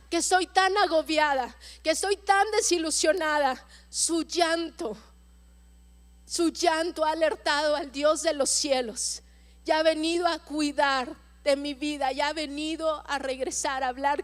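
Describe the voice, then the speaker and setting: High-voiced woman preaching slowly. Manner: impassioned preaching, slow and emphatic, acting out cries for help. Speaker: pastor. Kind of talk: sermon.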